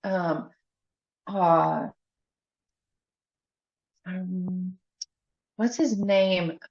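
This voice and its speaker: A woman's voice: on the low side, drawn-out words, darkish tone. A woman guest on a podcast talking candidly in a casual chat, laughing often and saying "like" a lot. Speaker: podcast guest, faith coach. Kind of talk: casual conversational interview. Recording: echoey, slightly dull podcast audio.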